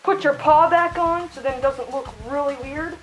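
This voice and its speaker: High-voiced woman hosting a jokey cooking vlog. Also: normal speed, roomy sound, noisy background. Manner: jokey, chatty, mock-instructional. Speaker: channel host cooking in fursuit. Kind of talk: playful cooking tutorial. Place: home kitchen.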